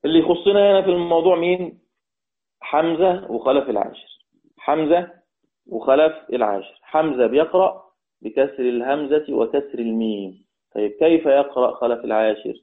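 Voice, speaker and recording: A man with an Egyptian accent teaching Quran recitation rules, repeating key words slowly and quizzing his students. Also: fairly high pitch. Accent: Egyptian Arabic. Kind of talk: explaining recitation rules in a lesson. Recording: tinny phone-like sound.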